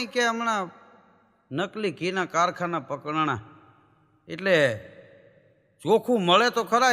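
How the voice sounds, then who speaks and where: A folk comedian tells jokes live on stage, acting out voices and animal sounds in a high, pushed, bright voice. The recording is from a reverberant hall.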